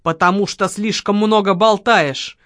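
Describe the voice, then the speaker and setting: A woman's voice: mid-range voice, steady tone, a little slow, fairly bright tone, no echo, studio quality, close to an everyday voice. A woman reading an audiobook, voicing a cold young woman with a gun who gives curt, harsh orders. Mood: cold commanding. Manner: curt, commanding.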